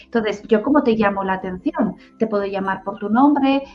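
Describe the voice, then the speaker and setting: A woman's voice: mid-range voice, moderate pace, soft background music. A woman from Spain working as a family counselor, answering interview questions in a reflective way, with many "eh" fillers and "¿no?" tags. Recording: slightly dull lo-fi audio.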